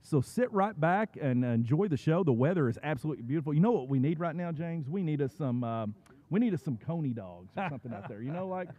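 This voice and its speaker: A man's voice: a little high, lively intonation, fast talker, dark tone. A man with a Kentucky accent hosting a local sports broadcast, chatting in a folksy, joking way. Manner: folksy, jokey. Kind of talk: casual sports broadcast chat. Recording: tinny phone-like livestream audio.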